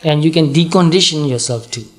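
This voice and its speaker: A man from Burma with a Burmese accent, giving a calm, patient dharma talk and repeating points slowly. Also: fairly high pitch. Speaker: Buddhist monk teacher.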